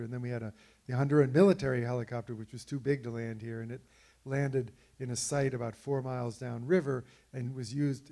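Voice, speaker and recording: A man giving an illustrated talk about an expedition, telling stories over his slides in a relaxed way with frequent fillers and restarts. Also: mid-range voice, gravelly. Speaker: speaker presenting slides of an expedition.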